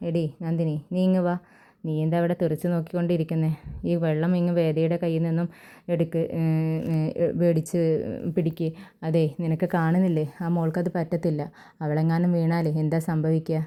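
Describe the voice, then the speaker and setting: A woman voicing a bossy, doting elderly grandmother who scolds and fusses in a low, even voice. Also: a little fast, smooth, close to an everyday voice. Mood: fussing scolding. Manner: scolding and fussing, calls others by endearments.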